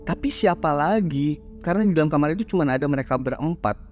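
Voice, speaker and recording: A man's voice: a little high, animated, fast talker, a little mellow, faint music behind. A man hosting a horror story show, telling it in a casual, slangy way and acting out the characters' lines. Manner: slangy, chatty, acts out the characters' quoted lines.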